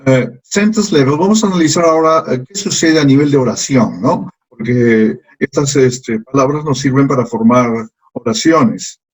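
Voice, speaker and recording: Male language teacher, husky mid-pitched voice, patient and methodical. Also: a little mellow, low-quality recording. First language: Spanish. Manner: slow, patient, repeats sounds for learners to copy. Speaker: English teacher. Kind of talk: slide lesson.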